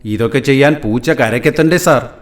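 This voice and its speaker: A man's voice: mid-range voice, moderate pace, soft background music, pitched above the performer's own voice, lightly acted. A man voicing a practical, respectful village man who speaks matter-of-factly.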